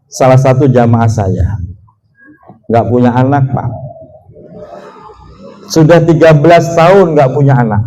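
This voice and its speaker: A man's voice: dark tone, rough recording. A middle-aged male preacher, giving a folksy sermon that keeps turning to address the men listening. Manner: folksy, addresses listeners as "Pak", swings between high and low pitch.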